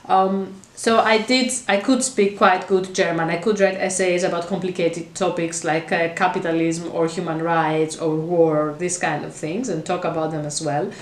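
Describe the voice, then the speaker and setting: A woman's voice: fairly low pitch, fairly even intonation, moderate pace, few pauses. Woman chatting in a roomy space. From Greece. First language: Greek. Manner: chatty and meandering, with frequent fillers and restarts. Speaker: vlogger. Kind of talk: casual talk to camera. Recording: roomy echo.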